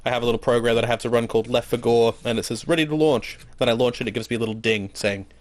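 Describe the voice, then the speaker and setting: A man's voice: medium pitch, steady tone, racing. A man co-hosting a gaming podcast, teasing and swearing his way through casual chat. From Australia. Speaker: podcast co-host.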